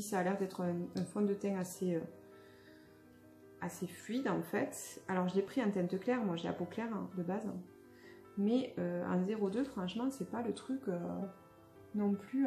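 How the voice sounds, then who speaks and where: Young woman vlogger, casual and halting, mellow tone, echoey room with faint music. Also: medium pitch, creaky. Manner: hesitant, many fillers and restarts. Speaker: beauty vlogger. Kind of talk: casual unboxing chat.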